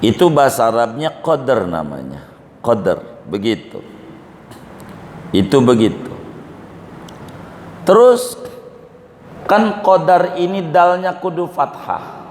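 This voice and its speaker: Slow, unhurried male religious teacher. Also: fairly high pitch, very animated, darkish tone, slight background noise. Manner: unhurried, explains Arabic terms, quizzes audience. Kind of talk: Islamic study lecture. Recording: echoey hall with faint ambience.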